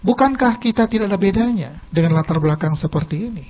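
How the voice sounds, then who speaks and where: A pastor preaching a sermon and telling a personal testimony in a lively storytelling manner, swinging suddenly between soft and loud. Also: male voice, high voice, quick pace, low-quality recording. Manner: lively storytelling, acts out quoted dialogue.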